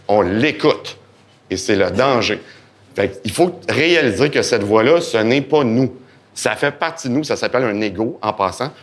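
A man with a fairly low voice and a Québécois French accent is a guest on a live podcast in an event hall with an audience. He's animated and joking, acting out the voices in his head.

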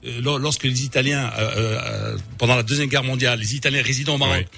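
A man co-hosting a radio show, telling a story in an animated way with stammers. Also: medium pitch, fast talker. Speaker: radio co-host. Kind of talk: radio chat.

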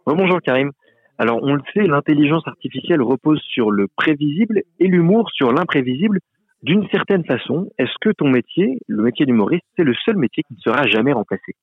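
Casting: listener question, quick-talking husky man, tinny phone-line sound. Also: fairly high pitch, lively intonation, dry recording. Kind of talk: recorded voice message.

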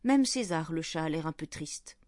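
A woman reads a children's Christmas story aloud in a clear, gentle, measured voice. Her pitch sits on the lower side for a woman. The recording is dry and close, with no room sound. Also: lively intonation, no room sound. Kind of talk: storybook narration read aloud.

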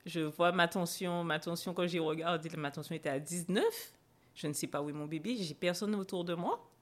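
A woman's voice: lowish voice, fairly quick. A young adult woman, a podcast guest, recounting a personal experience with hesitations, fillers and emotion. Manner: hesitant, frequent fillers and restarts. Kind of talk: personal storytelling in a podcast interview.

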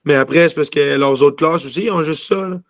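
Brisk and fairly high-pitched, a young Quebecois man with a Quebec French accent rambles casually as an interview guest, leaning heavily on filler words. He's a junior hockey player. The recording is dry and studio quality.

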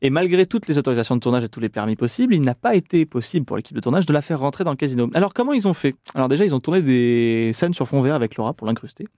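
A man's voice: medium pitch, lively intonation, rapid-fire, few pauses, mellow, dry recording, clean studio sound. A man hosting a casual film podcast, sharing trivia in a chatty way with plenty of hesitations. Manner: chatty, many fillers, relishes film trivia. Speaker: podcast host.

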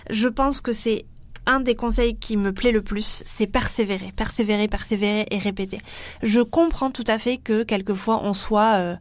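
A woman's voice: fairly high pitch, unhurried, no echo. A young adult woman with a French accent hosting a solo podcast, talking earnestly and encouragingly with many fillers and restarts. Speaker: podcast host and teacher trainer.

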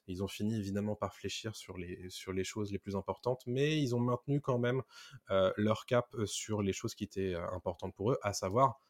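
Low-voiced man hosting a podcast. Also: normal speed, no room sound, clean studio sound. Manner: hesitant, many fillers. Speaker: podcast host. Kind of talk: casual pop-culture news chat.

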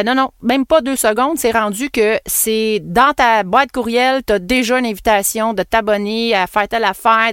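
A woman's voice: medium pitch, fairly bright tone, dry recording, clean studio sound. A woman with a Québécois accent hosting her own solo podcast as an NLP coach, talking casually and playfully, swooping up and down and laughing at herself. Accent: Québécois French. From Quebec.

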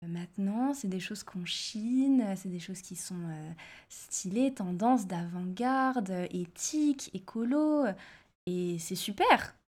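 A woman interview guest talking casually, animated and full of hesitations. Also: medium pitch, slow. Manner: animated, many fillers.

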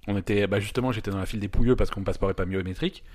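A man co-hosting a casual podcast, telling stories with many stammered restarts. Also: on the low side. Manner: fast, stammering restarts, lively storytelling. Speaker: podcast co-host.

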